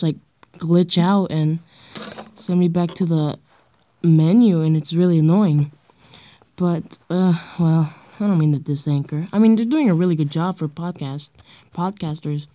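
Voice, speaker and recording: A woman's voice: lowish voice, fairly even intonation, normal speed, dark tone, dry recording, highs cut off. A young girl around sixth-grade age, with a stuffy nose, rambling hesitantly and self-deprecatingly in a casual solo podcast, recorded on a dictaphone. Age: child or young teen, around sixth grade. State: stuffy nose from being sick. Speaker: amateur podcaster. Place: indoors on a bedroom floor, late at night. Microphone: handheld voice recorder.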